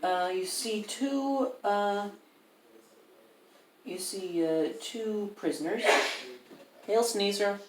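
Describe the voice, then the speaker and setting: A woman narrating as game master in a halting, filler-heavy way. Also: mid-range voice, darkish tone. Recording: echoey room, faint noise.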